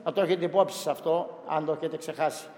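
A man's voice: on the high side, steady tone, darkish tone, in a large hall. A man, an Orthodox priest, preaching a fervent sermon with rising emphasis in a church.

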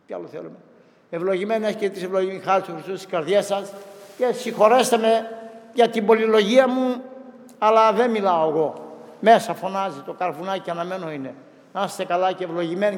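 A man's voice: high-pitched, in a large hall. A man, an Orthodox priest, preaching a fervent sermon with rising emphasis in a church.

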